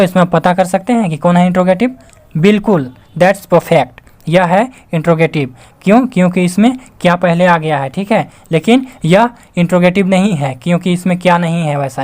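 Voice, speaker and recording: Patient man teaching grammar step by step. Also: fairly high pitch. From Jharkhand, India. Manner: repetitive, asks and answers his own questions, addresses viewers as friends. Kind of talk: classroom-style grammar lesson.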